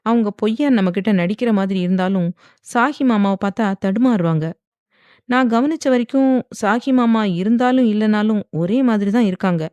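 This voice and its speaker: A woman voicing a playful, sulky young wife with pouty, quick retorts in a dramatized audiobook reading. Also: medium pitch, darkish tone, no room sound, lo-fi sound, lightly acted. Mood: earnest.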